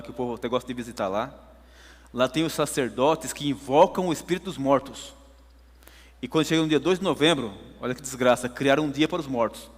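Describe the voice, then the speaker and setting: A man's voice: a little high, big-room sound. A man preaching a sermon, telling a story emphatically to his congregation. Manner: emphatic storytelling, addresses listeners as brothers.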